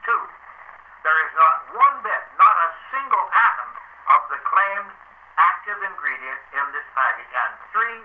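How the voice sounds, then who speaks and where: A man's voice: a little high, expressive, moderate pace, narrow, tinny audio. A man reading a prepared public statement as a foundation's spokesman, emphatic and challenging, captured on a dictaphone recording.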